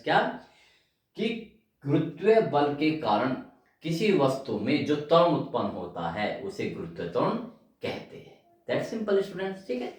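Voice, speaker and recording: A man teaching physics in a lively classroom lecture. His pitch rises and falls widely as he keeps calling out to his students and repeats terms while writing them up. The voice sits far from the mic in a room with a heavy echo.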